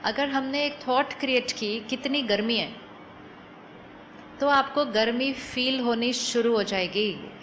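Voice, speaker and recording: Calm woman giving a spiritual talk. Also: on the high side, unhurried, few pauses, a little hiss or hum. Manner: calm, persuasive, asks the audience questions and mixes in English phrases. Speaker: spiritual speaker. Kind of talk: spiritual talk to a live audience.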